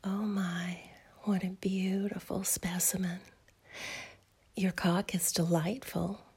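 This whispered audio roleplay has a woman as an adult female fairy, teasing and affectionate. Her mid-range voice keeps a level tone yet sounds exaggerated, and her soft, breathy whisper coaxes slowly.

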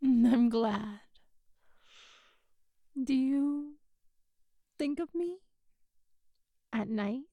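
Slow, hushed woman with a high voice. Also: lively intonation, dry recording, highs cut off. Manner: soft, hushed and coaxing, partly whispered. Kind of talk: intimate audio roleplay.

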